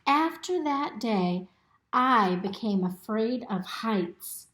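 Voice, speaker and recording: A woman reading a picture book aloud to young children in an expressive, instructive way, pausing to ask them simple questions. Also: on the high side. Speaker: storybook reader. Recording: roomy, echoey indoor recording.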